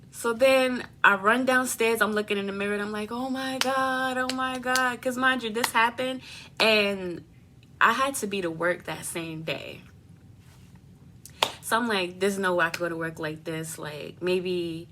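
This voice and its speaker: A young adult woman telling a personal story in a casual, animated way, swearing freely and using lots of fillers. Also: medium pitch, a little hiss or hum. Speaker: beauty vlogger.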